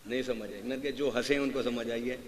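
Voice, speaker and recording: A preacher with a steady, mid-range voice delivers an Urdu religious sermon in a large hall, with a slight hiss or hum in the background. He tells anecdotes to the congregation and quizzes them, swinging from hushed asides to loud, raised passages.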